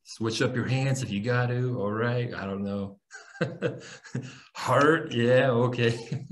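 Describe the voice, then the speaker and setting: A man's voice: mid-range voice, slow, slight background noise. A man in his thirties with an American accent, casually hosting an online teacher webinar in an informal, encouraging way over a video call. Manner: informal, addresses listeners as guys. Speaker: webinar host and English teacher trainer. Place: small room on a video call.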